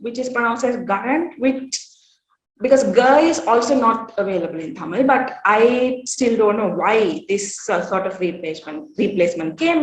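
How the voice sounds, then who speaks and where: Hesitant woman presenting, echoey room. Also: a little high. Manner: hesitant, many fillers and restarts. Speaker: conference presenter. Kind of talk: academic presentation.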